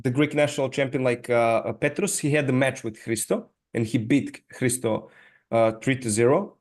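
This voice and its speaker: A man from Serbia with a Serbian accent, hosting a casual podcast interview in halting speech full of restarts. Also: medium pitch, steady tone, darkish tone. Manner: halting, many restarts and fillers. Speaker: podcast host.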